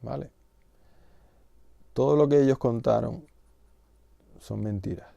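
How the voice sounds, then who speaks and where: A man's voice: mid-range voice, takes it slowly, vocal fry, mellow, dry recording, muffled recording. A middle-aged man with a Canarian Spanish accent, talking in a casual explanatory monologue as the host of his own video. He sounds indignant and fires off rhetorical questions.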